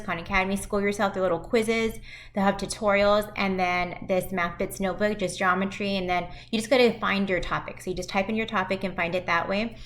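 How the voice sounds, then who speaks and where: A woman in her thirties, a high school math teacher, walking parents through class web pages in a recorded virtual presentation. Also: fairly bright tone, a little hiss or hum.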